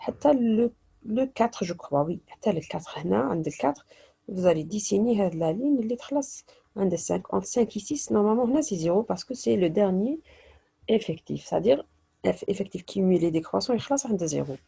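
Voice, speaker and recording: A woman's voice: mid-range voice, animated, a little fast, creaky, dark tone, husky. A woman teacher explaining a statistics lesson, slipping into Arabic dialect and restarting phrases. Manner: mixes French with Arabic dialect, hesitant restarts.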